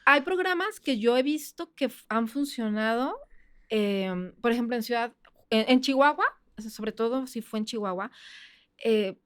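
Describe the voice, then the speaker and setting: A woman with a Mexican accent, a criminologist guest on a podcast, explaining things in a chatty way with quick asides. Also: on the high side, expressive, smooth, no echo, studio quality. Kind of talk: casual podcast interview.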